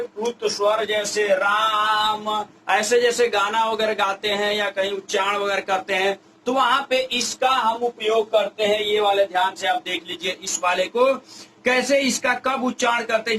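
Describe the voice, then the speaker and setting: Man, very high voice, grammar teacher, drawn-out example vowels, faint noise behind. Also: a bit bright, low-quality recording. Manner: drawn-out demonstrative vowel sounds, repetitive explaining. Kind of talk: classroom lecture at a board.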